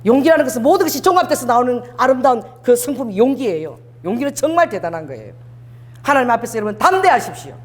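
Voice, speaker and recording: Woman pastor, middle-aged, sermon, emphatic, high voice, very lively intonation, call-and-repeat. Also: fast. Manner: emphatic, calls for the congregation to repeat after her.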